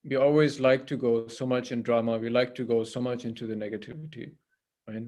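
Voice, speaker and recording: A man's voice: mid-range voice, level tone, brisk, a little mellow. A man giving an informal spiritual talk over a video call. He hesitates, repeats words and keeps checking in with "right?". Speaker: temple priest and guest speaker.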